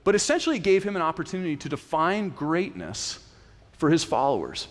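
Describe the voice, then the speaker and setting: A man's voice: a little high, big pitch swings, a little fast. A man in his thirties, a pastor giving a casual, conversational sermon that often restarts its phrases. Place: church sanctuary. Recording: reverberant church hall.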